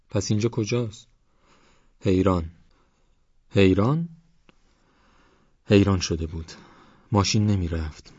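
Male audiobook narrator, calm and even. Low, husky voice, little pitch movement, dry and slightly dull recording. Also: dry recording. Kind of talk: scripted novel narration.

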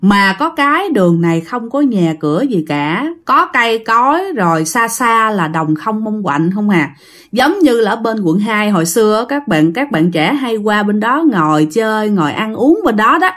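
A woman with a Southern Vietnamese accent tells a ghost story in a chatty, sing-song way, often addressing her listeners directly. Her mid-range voice has a fairly bright tone and moves at a moderate pace.

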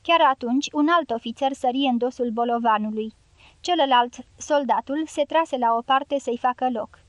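High-voiced woman narrating an audiobook. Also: dry recording.

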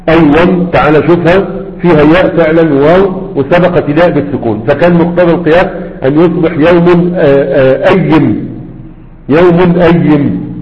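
A man with an Egyptian accent giving a grammar lesson who keeps checking with his students, asking "right?". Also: a little high. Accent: Egyptian Arabic. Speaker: teacher of Arabic grammar. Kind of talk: classroom lecture. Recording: echoey hall, dull lo-fi sound.

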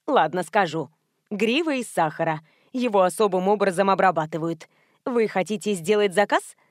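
A calm, friendly pastry chef who explains her work plainly and with quiet amusement, played by a woman reader. Her voice stays at a middle pitch. The storybook reading is recorded dry and close. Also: moderate pace, dry recording, natural voice. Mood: calm explaining.

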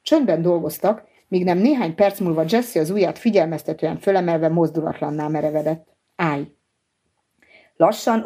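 A woman reading a novel aloud as an audiobook narrator, in an even, measured manner, giving the characters' lines in her own voice. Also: sits low, husky.

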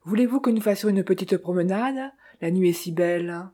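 A narrator voicing a polite, gallant young gentleman in a storybook reading. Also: medium pitch, a little fast, close to an everyday voice. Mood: courteous.

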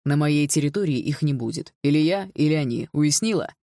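A woman voicing a cold, controlling middle-aged stepfather who speaks slowly and in a measured way in an audiobook. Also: low voice, vocal fry, a little mellow, no echo.

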